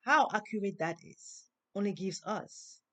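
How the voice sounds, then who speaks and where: A woman hosting a spoken monologue in slow, preaching tones, with a non-native English accent. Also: medium pitch, lively intonation. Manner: slow, preaching, emphatic rises. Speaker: host. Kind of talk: inspirational monologue.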